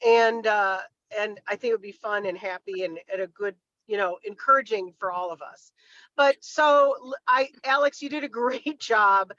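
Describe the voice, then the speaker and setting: A woman's voice: mid-range voice, moderate pace, fairly bright tone, dry recording, muffled recording. A woman on a video call, talking through a car speakerphone while driving, in a chatty and eager way. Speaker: group member. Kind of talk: casual group chat.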